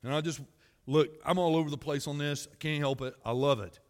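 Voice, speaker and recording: A man preaching a sermon to his church, reading scripture loudly and then dropping to quiet, personal musing. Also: a little high, fairly quick, in a large hall. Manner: animated, swings between loud scripture reading and quiet musing. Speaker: pastor. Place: church sanctuary.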